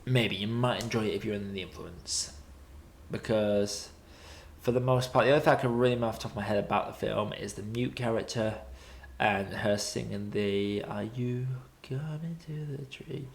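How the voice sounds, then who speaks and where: A man's voice: fairly low pitch, steady tone, a little fast, gravelly. A British man giving casual film review commentary as a streaming host, blunt and opinionated in colloquial language.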